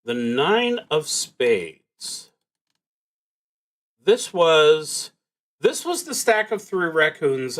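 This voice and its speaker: Streaming a solo tabletop roleplaying game, a man thinks aloud haltingly and reflectively while working through his moves. His voice sits in the mid-range and sounds a bit bright.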